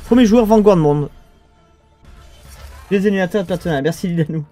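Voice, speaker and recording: A man's voice: high voice, brisk, mellow, soft background music. Chatty French man casting a strategy game. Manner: chatty, banters with chat, trails off and restarts. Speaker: esports caster. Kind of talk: casual live game commentary.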